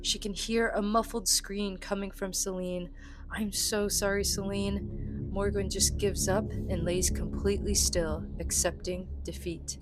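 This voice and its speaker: A woman's voice: mid-range voice, fairly even intonation, measured pace, few pauses. A woman hosting a solo tabletop role-playing game, narrating the story and commenting casually. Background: soft music.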